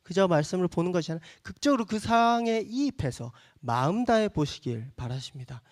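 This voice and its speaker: Young guy pastor preaching to a youth service, high voice that swings all over, earnest. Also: expressive, brisk, darkish tone. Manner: earnest preaching with acted asides. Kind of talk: sermon to a young adult congregation.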